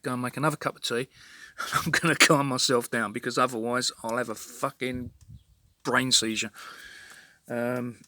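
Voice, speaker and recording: A man's voice: mid-range voice, bright, forceful tone, dry recording. A man venting in an exasperated, sweary rant monologue to his own channel, repeating himself as he talks. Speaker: vlogger.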